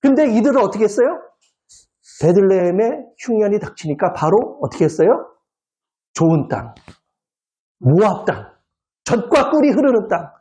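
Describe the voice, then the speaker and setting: A male pastor preaching a sermon at a church service. He talks playfully, cracks jokes and keeps prodding the congregation with quick questions. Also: high voice, sing-song, mellow. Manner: quizzes the congregation with constant "eh?" prompts; jokey, playful wordplay.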